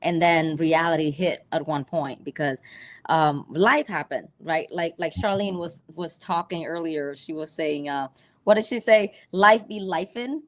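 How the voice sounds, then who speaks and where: A woman from Vietnam, teaching a live personal finance class in a halting way full of ums and restarts. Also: sits low.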